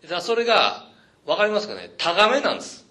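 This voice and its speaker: Male host, Kansai accent, animated joking storyteller, slightly high voice. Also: fast talker. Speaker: podcast host. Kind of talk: casual chat.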